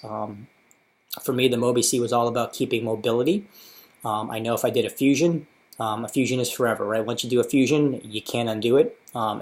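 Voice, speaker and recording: American guy in his 30s doing a casual video diary, matter of fact, average pitch. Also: a little mellow. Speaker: patient sharing his surgery experience.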